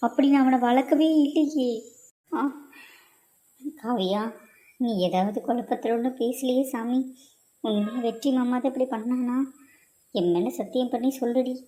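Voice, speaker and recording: A woman's voice: a little high, normal speed, pauses often, mellow, close to an everyday voice. A woman voicing a middle-aged aunt in a cartoon drama who refuses to believe her son did wrong. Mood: anguished. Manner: anguished, disbelieving, imploring.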